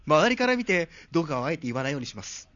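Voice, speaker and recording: Lively male host, wry and polite. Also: a little high, racing, no echo, lo-fi sound. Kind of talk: comic talk show hosting.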